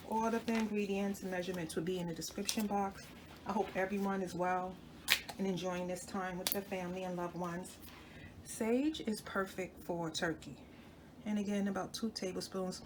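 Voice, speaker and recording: A woman with a medium-pitched voice hosts a cooking channel from her home kitchen, chatting with viewers while she demonstrates a recipe. A cold leaves her sounding a little stuffy, she keeps correcting herself, and the background is noisy.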